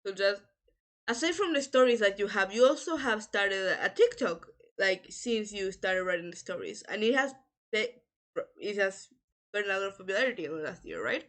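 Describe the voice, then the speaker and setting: Upbeat woman host of a casual live podcast, quick to laugh and cheer her guest on. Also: medium pitch, lively intonation, a bit bright. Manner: enthusiastic, laughs often, encouraging. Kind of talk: casual livestream podcast interview.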